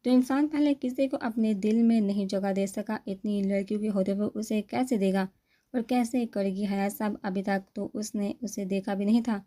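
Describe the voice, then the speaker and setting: A woman reading a romantic novel aloud in steady, unhurried narration. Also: medium pitch. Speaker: novel reader.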